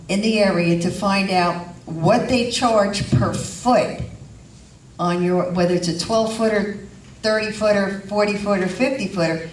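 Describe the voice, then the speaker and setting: A woman giving halting, explanatory informal remarks at a community board meeting. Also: mid-range voice. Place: indoor meeting room, far from mic. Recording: distant, echoey room with faint noise.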